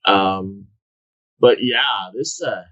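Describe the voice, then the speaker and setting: Male co-host, lowish bright voice, blunt and rambling, casual chat. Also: extremely slow, muffled recording. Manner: candid, swears casually, meandering with fillers. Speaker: podcast co-host. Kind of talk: casual chat about comics.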